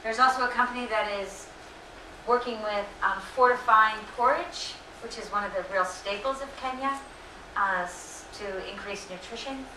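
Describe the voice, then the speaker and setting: A middle-aged woman answering audience questions at a lecture, earnest and full of fillers and self-corrections, her voice slightly hoarse. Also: a little high, moderate pace, sharp tone, a little hiss or hum. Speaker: invited lecture speaker. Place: lecture hall. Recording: echoey room, distant mic.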